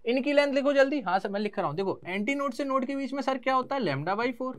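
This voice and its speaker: A man's voice: very high voice, animated, fast, a bit bright. A young Indian man teaching physics in an online class. He mixes Hindi and English terms and answers his own questions in a student's voice.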